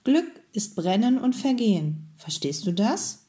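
A woman voicing a kind, wise beeswax candle that speaks softly in a storybook reading. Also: a little high, very animated, a little slow, voice pushed up. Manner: soft and gentle.

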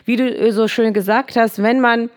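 A woman's voice: on the high side, steady tone, moderate pace. A woman hosting a podcast conversation, chatty and rambling, with lots of tag questions. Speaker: podcast host.

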